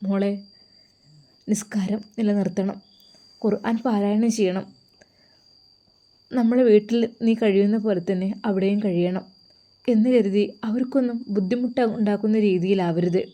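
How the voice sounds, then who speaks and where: A pious, loving older mother, played by a woman, gives tender, sorrowful advice. The tone is warm and mellow, like an audio storybook. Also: medium pitch, steady tone, normal speed, pauses often, lightly acted.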